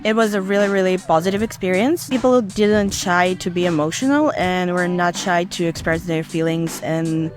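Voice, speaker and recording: A seminar participant speaking in a measured, reflective way about the war and the seminar. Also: medium pitch, fairly even intonation, soft background music. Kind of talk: interview testimonial.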